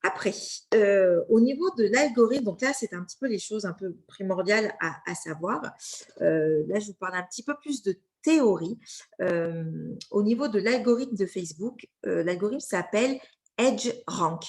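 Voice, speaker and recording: A woman's voice: medium pitch, animated, normal speed, darkish tone. Chatty French woman teaching a class. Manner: chatty, many fillers and check-ins. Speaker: social media trainer. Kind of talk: informal training talk.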